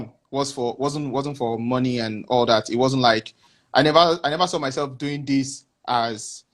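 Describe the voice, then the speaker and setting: A man, a guest on a video call, telling his story haltingly with many restarts. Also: mid-range voice, fairly bright tone. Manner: hesitant, many restarts, reflective. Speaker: interview guest. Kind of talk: casual interview answers.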